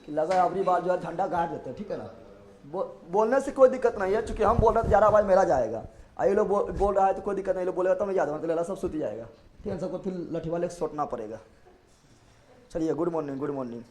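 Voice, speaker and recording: This high, animated male voice has a darkish tone, with reverb and slight background noise. He's a teacher leading a live-streamed lecture full of call-and-response drills. He repeats questions quickly and keeps joking with and teasing his students.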